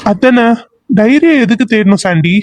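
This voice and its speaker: A man's voice: high-pitched, expressive, normal speed, a little mellow. A man voicing a doubtful young friend in a cartoon serial who questions the plan. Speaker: cartoon character.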